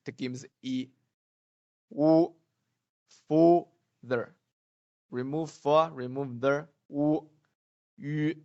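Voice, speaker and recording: A man gives a beginner pronunciation lesson. He speaks slowly and patiently and calls out example syllables loudly. The sound is dull and lo-fi, with a dry, close feel. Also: a little high, dry recording. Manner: slow, patient drilling of sounds, often loud on examples. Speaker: Mandarin teacher.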